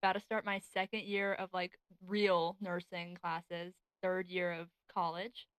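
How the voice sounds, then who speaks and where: A nineteen-year-old woman co-hosting a casual chat podcast, talking loosely with lots of "like" and quick laughs. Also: lowish voice, flat delivery, fairly bright tone, smooth, no room sound, poor audio. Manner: chatty, laughs often, lots of "like". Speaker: podcast co-host. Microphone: desk podcast mic.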